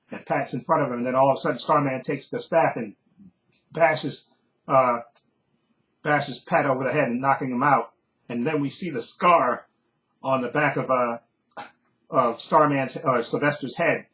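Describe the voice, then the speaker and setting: A man's voice: mid-range voice, a bit bright, low-quality recording. A man casually recapping a TV episode as a reviewer, rambling with fillers and frequent chuckles. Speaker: TV show reviewer.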